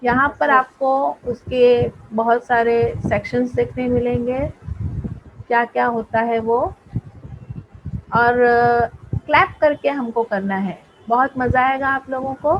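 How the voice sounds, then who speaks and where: A woman teaching an English class, explaining slowly and often checking that her pupils follow. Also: fairly high pitch, fairly even intonation, lo-fi sound, a little hiss or hum. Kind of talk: online class lesson in Hindi and English.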